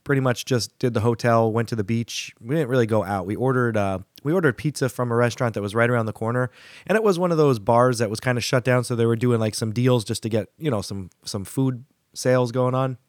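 Deep-voiced man hosting a laid-back podcast. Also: quick pace, no room sound, clean studio sound. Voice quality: deeper than usual. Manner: joking, laughs often. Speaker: podcast host. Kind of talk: casual chat. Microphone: studio microphone.

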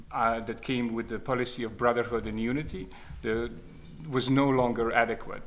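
A man talks through his memories in a measured, reflective way. He pauses often and repeats words as he searches for the right phrasing. His voice sits at an ordinary middle pitch. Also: fairly bright tone. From Croatia. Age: 30s. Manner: hesitant, restarts and repeats words while thinking. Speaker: speaker sharing personal experience. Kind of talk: reflective spoken testimony.

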